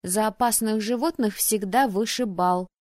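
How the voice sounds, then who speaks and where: A woman's voice: mid-range voice, normal speed, a little mellow, no room sound, clean studio sound, close to an everyday voice. A woman reading an audiobook voices a bossy, patronizing young student girl. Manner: patronizing, dreamy.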